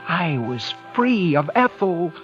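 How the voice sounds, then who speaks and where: A male actor narrates in first person as the lead of a 1940s-50s radio drama, playing a cold, self-satisfied man who got away with murder. His voice sits on the high side and moves slowly with big pitch swings, the delivery clipped, smug, and impatient, the mood smug and brooding. The recording is dull and vintage, with music playing in the background.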